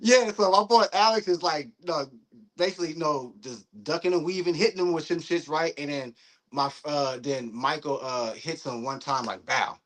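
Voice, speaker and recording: A young man spins a story in a casual interview, animated and profane. He acts out the quotes as he goes, in a voice sitting a little high for a man. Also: normal speed, poor audio. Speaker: guest.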